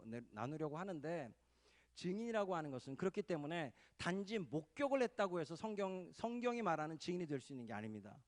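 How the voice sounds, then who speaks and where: A male pastor preaching an impassioned sermon at a church retreat, calling out hallelujahs and swelling into loud pleading cries. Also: a little high. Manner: calls for amens and hallelujahs from the congregation. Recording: reverberant hall recording.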